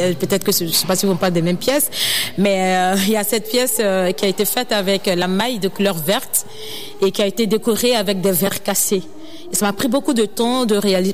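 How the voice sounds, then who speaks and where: A young woman from Ivory Coast, a student designer and activist, answering interview questions earnestly, often pausing with fillers. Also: mid-range voice, slight background noise. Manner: earnest, hesitant with many fillers.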